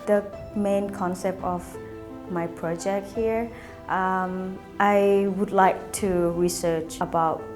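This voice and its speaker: Woman art student, slow low voice, music clearly behind. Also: fairly even intonation. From Thailand. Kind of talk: documentary interview.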